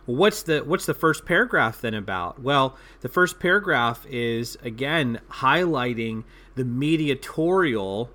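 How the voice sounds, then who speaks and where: Bright-voiced man explaining theology. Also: mid-range voice, animated. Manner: thoughtful, halting explanations with many fillers. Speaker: panelist. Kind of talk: theological panel discussion.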